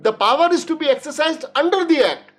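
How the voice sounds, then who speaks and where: A woman lawyer making a formal courtroom argument, reading legal text deliberately and emphatically, repeating key phrases. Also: sits high, animated. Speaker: lawyer arguing before a judge. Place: courtroom live stream.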